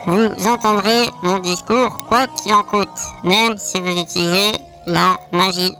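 A game master voicing a gloating male inventor who talks through a metallic, machine-like synthesized voice, slow and cackling. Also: sits high, fairly even intonation, pushed and bright, faint music behind, voice pushed up, exaggerated voice, poor audio. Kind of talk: tabletop roleplay voice acting.

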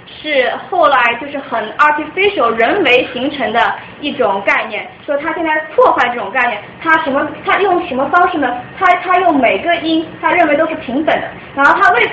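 A young woman from China explaining music theory to a small group in an informal lecture, patient and restarting her sentences often. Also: high-pitched. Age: young adult. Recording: echoey room, dull lo-fi sound, faint noise.

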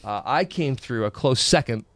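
A man's voice: mid-range voice, normal speed, no room sound. A man hosting an interview, casual and playful, joking with his guest. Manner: playful, joking, lively questioning. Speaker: host.

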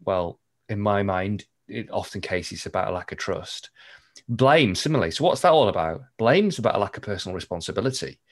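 A man hosting a conversational interview, speaking in a measured, reflective coaching tone. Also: fairly low pitch. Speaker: podcast host.

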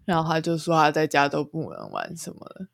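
Gravelly-voiced calm podcast co-host. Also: mid-range voice, a little fast, no echo, studio quality. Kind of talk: casual chat.

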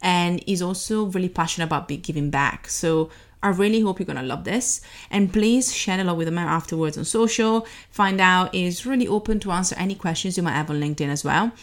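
A woman's voice: fairly low pitch, a little fast. A woman hosting a marketing podcast, introducing an episode and her guest in an upbeat, chatty way. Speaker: podcast host.

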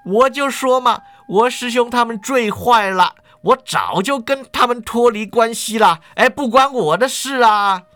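A man's voice: extremely high pitch, pushed and bright, dry recording, voice pushed up, heavily acted. A man storytelling a wuxia tale, voicing a cowardly, fawning male fake immortal who whines and pleads. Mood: relieved chatter. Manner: whining, pleading, drawn-out.

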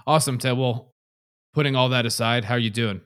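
A man's voice: medium pitch, fairly even intonation, brisk, fairly bright tone. An American man hosting a podcast, laid-back and casual, often saying "man" and "awesome". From United States. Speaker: podcast host. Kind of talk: casual interview chat.

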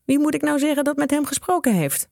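A woman's voice: sits high, animated, fast talker, creaky, a little mellow, no echo, studio quality, voice pushed up. A woman voicing a good-natured, chuckling male butcher in a read-aloud children's story. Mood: amused. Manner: chuckling, friendly.

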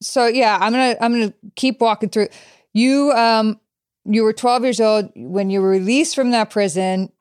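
Female host, interviewer; probing, recapping, clear smooth voice. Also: on the high side, fairly even intonation, normal speed, darkish tone. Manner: probing, recaps the guest's story with restarts. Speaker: podcast host. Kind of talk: interview questions.

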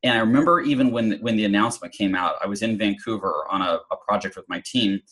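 A man's voice: on the low side, fast talker, fairly bright tone, low-quality recording. A middle-aged man telling a personal story in an interview, chatty, with many fillers and restarts. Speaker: guest.

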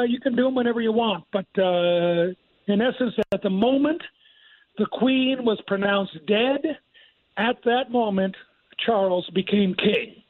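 An older man, a news correspondent, reporting live over the phone in a measured, reflective way. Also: high-pitched, no echo. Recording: tinny phone line.

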